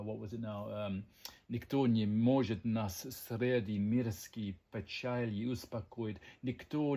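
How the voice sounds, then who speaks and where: An Englishman who hosts a language channel speaks with a fairly low, slightly mellow, husky voice touched by vocal fry. His reflective monologue to the listener is erudite and meandering, full of ums and asides.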